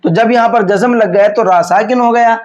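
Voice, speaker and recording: A man teaching a tajweed lesson, patiently asking himself questions and then answering them, and slowing down to draw out words as he demonstrates. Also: high voice, steady tone, muffled recording. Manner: slows down to demonstrate words drawn out. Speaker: Quran teacher. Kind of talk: tajweed lesson explaining pronunciation.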